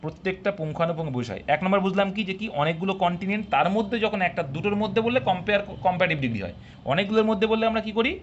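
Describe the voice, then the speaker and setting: A man's voice: sits high, rapid-fire, highs cut off, a little hiss or hum. A man teaching an exam-prep class live, quizzing his students and explaining step by step, sometimes scolding them for answering early. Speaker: English teacher for exam coaching.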